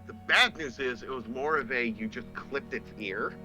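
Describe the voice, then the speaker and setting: A man narrating as game master in a relaxed, filler-filled way. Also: mid-range voice, moderate pace, muffled recording, music in the background. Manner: relaxed, uses many fillers.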